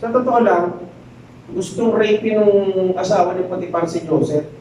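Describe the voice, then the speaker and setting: A man preaching a sermon as a pastor, telling a story in an animated, joking way and acting out the people in it. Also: sits high, a little slow, a little hiss or hum. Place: church hall. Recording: very echoey hall, distant mic.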